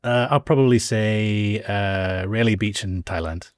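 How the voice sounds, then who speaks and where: Chill low-ish guy, podcast host, short easy answers, dry mic. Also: a little slow, dry recording. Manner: relaxed, brief answers and backchannel hums. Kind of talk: casual chat.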